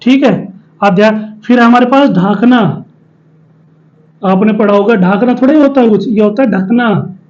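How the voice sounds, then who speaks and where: Man, very high voice, teacher, step-by-step explanations, dull lo-fi sound. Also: normal speed, darkish tone. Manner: explains step by step, often asks and answers himself. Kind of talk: spoken Hindi spelling lesson at a board.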